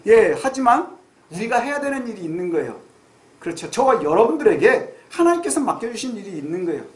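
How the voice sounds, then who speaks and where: A middle-aged man preaching a Sunday sermon as pastor, conversational and full of questions to the congregation, swinging between raised and hushed delivery. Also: high-pitched. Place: church sanctuary. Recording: echoey church room.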